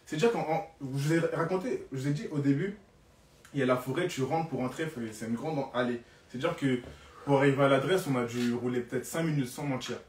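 A young man telling a story on a live stream in an animated, dramatic way, repeating phrases for emphasis. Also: mid-range voice, a little fast, a little hiss or hum. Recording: roomy, distant from the mic.

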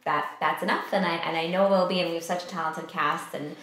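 A young woman, a theatre company co-founder, chatting casually and asking questions in a relaxed way. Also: fairly low pitch, fast talker. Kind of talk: casual conversation. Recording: very echoey room.

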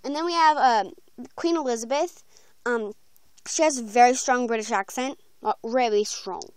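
A young woman speaks at a normal speed in a fairly high pitch, her tone clear and resonant with no echo. Holding her phone close in her bedroom, she gives a loose, slangy vlog announcement calling for voice auditions.

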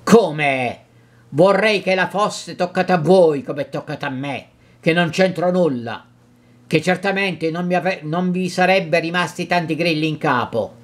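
A man's voice: fairly high pitch, measured pace, close to an everyday voice. A man voicing a timid, fearful elderly village priest who pleads and stammers, in a dramatic reading of a novel. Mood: peevish scolding.

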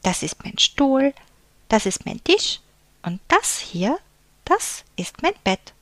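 A woman voicing a small, eager young bear cub in a storybook, with high, bright, childlike calls. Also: sing-song, slow pace, no room sound, heavily acted. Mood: eager pleading.

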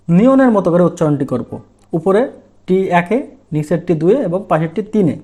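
A man with a high voice teaches a language lesson. He explains each step slowly and in order. He often asks a question and then answers it himself. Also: dark tone.

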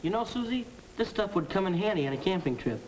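A young American actor playing a reassuring, earnest teenage big brother in a 1950s educational film. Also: male voice, high-pitched, sing-song, fast talker, rough recording. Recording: old film soundtrack, faint noise.

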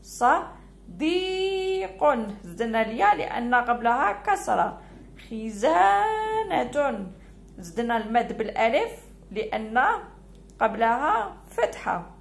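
Algerian teacher woman, gravelly and high. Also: big pitch swings. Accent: Algerian Arabic. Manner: drawls out key words slowly and clearly. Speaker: primary school teacher. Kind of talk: lesson walkthrough for pupils.

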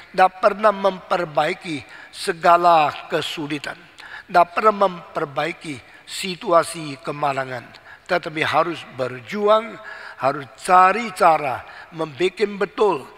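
A man's voice: a little high, fairly bright tone. A man preaching a sermon as pastor, emphatic and repetitive, asking rhetorical questions. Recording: long hall reverb.

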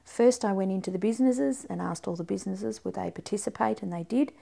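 A middle-aged Australian woman who coordinates a community centre speaks proudly and plainly in a sit-down interview, friendly in manner. Her voice is medium-pitched and dark in tone, with vocal fry and a quick pace.

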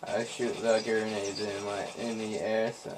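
A man's voice: on the low side, level tone, unhurried. A young man chatting casually and swearing while playing a video game on a couch indoors. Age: teens or young adult. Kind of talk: casual gameplay banter with swearing. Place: small room indoors on a couch. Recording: noisy room recording with game audio.

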